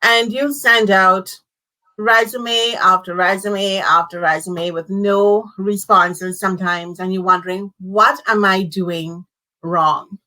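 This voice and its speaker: A woman hosting a live-streamed talk show, speaking in an animated, conversational way with emphasis, over a video call. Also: mid-range voice, takes it slowly, low-quality recording. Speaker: host.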